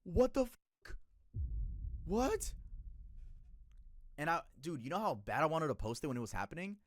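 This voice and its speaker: A young man in his twenties talks to his stream chat in a lively, swooping voice, bursting loud and then dropping to a mutter. His talk is casual and full of swearing. The sound is close and dry, with no room around it. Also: rapid-fire, no room sound. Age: 20s. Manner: animated, emotional, profane, swings between loud outbursts and low muttering. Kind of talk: casual livestream storytelling to chat.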